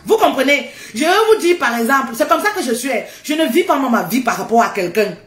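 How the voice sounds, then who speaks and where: A woman giving a casual motivational talk, loud and laughing often, repeating phrases for emphasis. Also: high voice, lively intonation, fast, roomy sound.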